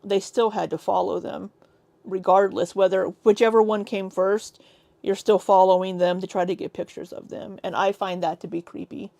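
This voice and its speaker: A woman's voice: medium pitch, little pitch movement, moderate pace, creaky, dark tone, no room sound. A woman co-hosting a casual livestream chat, blunt and sweary, reading out viewer comments. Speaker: co-host.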